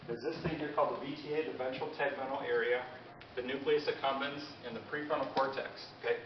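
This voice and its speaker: A pharmacist giving an informal public lecture, chatty and often checking in with the audience. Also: male voice, medium pitch, fairly even intonation, fast. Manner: chatty, asks the audience questions. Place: meeting room with an audience. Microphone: handheld mic. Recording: echoey, dull, noisy room recording.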